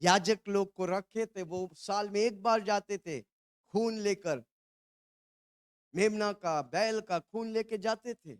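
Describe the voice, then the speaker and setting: A high-pitched man from India preaching, leading his listeners in call and response. He keeps urging them to shout phrases back and breaks into hallelujahs. The sound is close and dry. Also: no echo. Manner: urges the congregation to repeat phrases, shouting hallelujahs.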